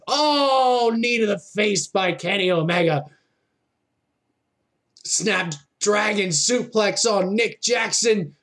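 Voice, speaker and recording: A man with a notably high voice delivers wrestling commentary. His play-by-play moves at a slow pace, yet he is excitable and exclaims over the moves. The wording is informal, like a fan calling the match.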